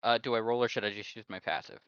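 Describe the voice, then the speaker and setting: Blunt, bright-voiced man on a dull mic. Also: on the low side, racing, clean tone, dry recording. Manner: blunt, matter-of-fact requests. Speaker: tabletop game player. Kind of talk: casual chat at a game table.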